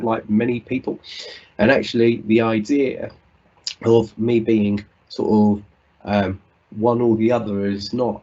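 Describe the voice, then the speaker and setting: A British man from the United Kingdom, speaking British English, gives an earnest, reflective conference talk over a video call and often restarts his sentences. His voice is fairly low, a little mellow with a breathy edge, and the audio sounds dull.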